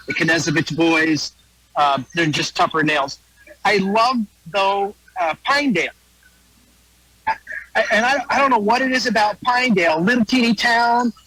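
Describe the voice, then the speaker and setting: A man's voice: high-pitched, bright, forceful tone, no echo, rough recording. An American man giving a folksy, casual sports preview as a guest wrestling analyst, repeating phrases for emphasis.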